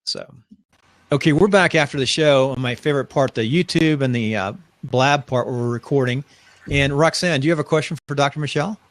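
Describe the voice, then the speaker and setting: A middle-aged man hosts a casual live-stream interview, his medium-pitched voice brisk and dry with no room sound. He's chatty and rambling, often restarting his sentences.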